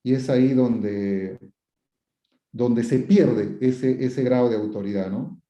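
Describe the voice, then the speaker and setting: He talks slowly in a mellow, mid-range voice, a psychotherapist giving advice in response to viewers' questions. Repetitions and rhetorical questions fill his explanations, along with quotes from questioners and acted-out sample phrases. The sound is roomy, dull and lo-fi.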